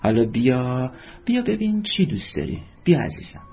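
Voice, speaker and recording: A man voicing a kind, gentle mother who speaks with soft, affectionate coaxing in a storybook reading. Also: medium pitch, huge pitch swings, gravelly. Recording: dull lo-fi with faint music.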